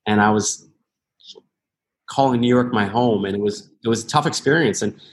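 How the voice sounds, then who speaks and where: With a fairly low pitch and normal speed, this thirtysomething American podcast guest reflects on things in an interview. He comes across as earnest and thoughtful, frequently starting his sentences over.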